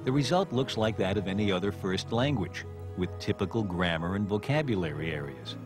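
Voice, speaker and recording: A man hosting a science documentary, narrating in a measured, explanatory way. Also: deep voice, animated, music in the background. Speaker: documentary host. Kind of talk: scripted narration and interview questions.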